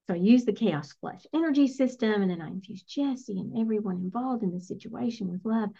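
A woman's voice: mid-range voice, slightly rough. Earnest middle-aged woman, muffled recording. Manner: earnest, reflective, softly emotional. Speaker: spiritual energy coach. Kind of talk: personal storytelling monologue.

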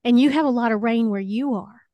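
Donna dalla voce piuttosto acuta, registrazione asciutta. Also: female voice, on the high side, fairly quick, warm tone, no echo. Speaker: spiritual healer and coach. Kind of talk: one-to-one spiritual coaching conversation.

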